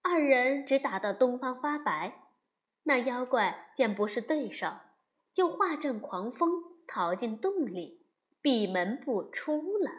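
A woman narrating a classic story as a storyteller, lively and unhurried. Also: high voice.

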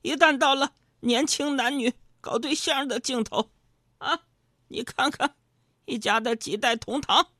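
A man doing a stand-up comedy monologue. He talks to the audience in an animated, mock-indignant way. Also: very high-pitched, a little slow, no room sound, studio quality.

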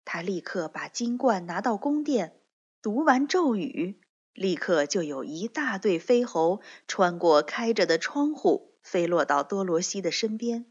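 Slow breathy woman storyteller. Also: medium pitch. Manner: slow, gentle, expressive reading. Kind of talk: children's story narration. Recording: dull lo-fi recording.

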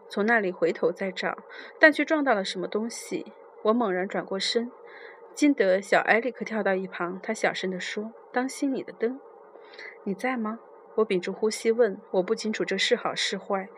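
A woman narrating a literary novel in a soft, measured, unhurried reading voice. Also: mid-range voice, slight background noise.

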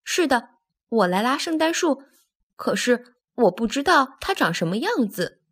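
A woman voicing an excitable young male train engine who loses his temper quickly. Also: on the high side, husky, heavily acted. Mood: sheepish. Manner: eager, snappish when cross.

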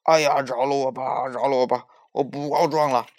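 A man voicing an angry old male sea dragon king in a children's story, shouting threats in a raised voice. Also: medium pitch, steady tone, moderate pace, close to an everyday voice. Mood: begging.

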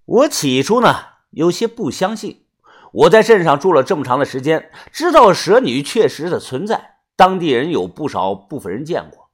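Husky man telling a chatty story. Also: a little high. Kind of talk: first-person audio novel narration.

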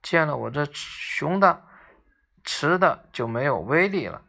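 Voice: mid-range voice, animated, a little slow, gravelly, bright, forceful tone, exaggerated voice. A storyteller voicing a cocky, clever male monkey king who taunts his enemy boldly, in a children's storybook reading. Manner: taunting, bold.

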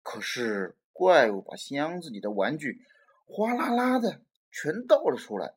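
A storyteller reading a children's picture book aloud, animated and acting out the characters. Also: medium pitch, measured pace, slightly rough.

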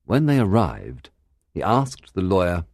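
Deep husky male storyteller. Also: big pitch swings, a little mellow, dry recording, studio quality. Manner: clear, measured storytelling. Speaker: narrator. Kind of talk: scripted audiobook narration for learners.

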